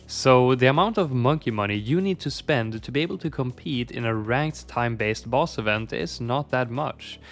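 A man giving scripted, opinionated video game commentary as a content creator, with wry exaggeration. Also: mid-range voice.

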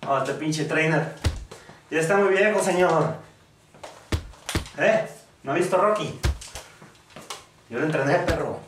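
A man from Mexico with a northern Mexican accent, trash-talking loudly in slang while playing a VR boxing game. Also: a little high, lively intonation, a little slow, pauses often. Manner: rowdy slang-heavy trash talk, shouting at the game. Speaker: gaming youtuber. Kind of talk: excited let's-play commentary. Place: room at home, playing a VR game. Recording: echoey room, distant from the mic, faint noise.

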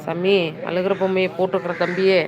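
A crowd is audible behind this middle-aged woman, whose lowish voice moves little in pitch and runs fairly quick over dull audio. Broadcasting a casual live stream from a Nilgiris hill town, she's chatty and teasing, full of exclamations as she reads comments from viewers into her phone.

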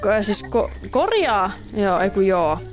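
A woman's voice: mid-range voice, sing-song. A young woman giving playful, chatty commentary while playing a life-sim game, tossing in English phrases. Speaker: gaming YouTuber. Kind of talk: casual let's-play commentary. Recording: faint music behind.

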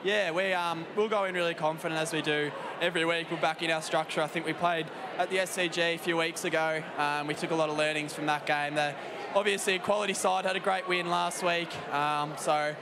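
A man's voice: on the high side, fairly even intonation, a little fast. Young Australian male athlete, light-voiced, post-match chat at a noisy stadium. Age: young adult. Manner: easygoing, modest, many fillers. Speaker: footballer interviewed after a match. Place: outdoors at a stadium beside the field. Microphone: handheld mic with headset. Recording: stadium noise behind.

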